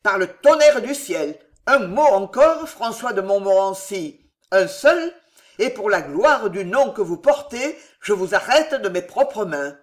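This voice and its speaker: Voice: mid-range voice, lively intonation, unhurried, close to an everyday voice. A reader putting on a thundering old army commander. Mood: furious. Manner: commanding, thundering when angered. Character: old stern male army commander, wrathful. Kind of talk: audiobook reading.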